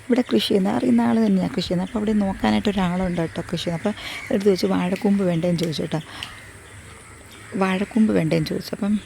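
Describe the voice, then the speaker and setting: A woman walking a rural path on a casual vlog, hoarse from losing her voice, chatty and rambling as she repeats herself. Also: mid-range voice, very fast, warm tone, slight background noise. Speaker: vlogger. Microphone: phone front camera at arm's length.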